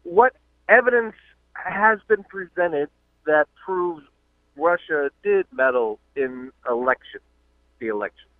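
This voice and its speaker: A man's voice: fairly high pitch, lively intonation, slow pace, no echo. A man from the southern US calling in to a radio show by phone. He talks hesitantly, with many uhs, and trails off when pressed. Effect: calling in over a phone line. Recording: dry, tinny phone line.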